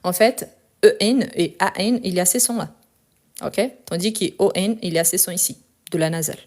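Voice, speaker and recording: A woman's voice: on the low side, normal speed, a little mellow. Woman teacher explaining french sounds on a live stream, patient, keeps asking "ok?". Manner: explanatory, repeats key points with "ok?" checks. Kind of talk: live online language lesson.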